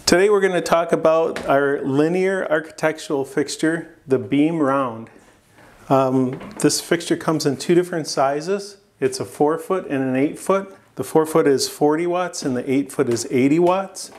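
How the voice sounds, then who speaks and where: A man in his forties presenting a product in a plain indoor studio, explaining steadily with the odd filler pause. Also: fairly high pitch. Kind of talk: product demonstration.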